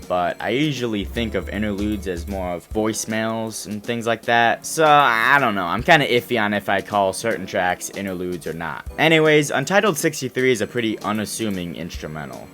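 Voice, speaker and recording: Male countdown reviewer, blunt, soft w-like R, animated intonation, music underneath. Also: on the low side. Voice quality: speech impediment on R sounds, says w for r. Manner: blunt, opinionated. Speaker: music reviewer ranking songs. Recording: music playing behind the voice.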